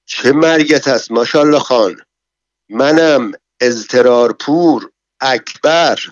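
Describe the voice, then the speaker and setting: A man's voice: mid-range voice, dry recording, lightly acted. A man voicing a frightened, emotional male bank clerk who pleads in an agitated voice. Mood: pleading. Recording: dull, dry, lo-fi recording.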